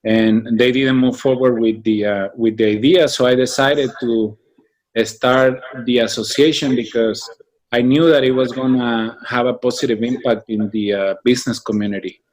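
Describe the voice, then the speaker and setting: Man, halting and thoughtful. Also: mid-range voice, steady tone, a little mellow. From Mexico. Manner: thoughtful, many fillers and restarts. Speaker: guest, founder of a business association. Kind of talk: interview answers.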